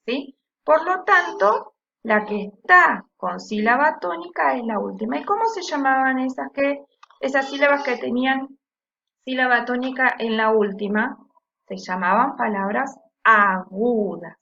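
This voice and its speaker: A woman teacher explaining a lesson slowly and patiently, checking often with the class and stressing syllables aloud to demonstrate. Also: fairly high pitch, vocal fry, fairly bright tone, dull audio. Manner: slow and patient, with frequent checking "¿sí?".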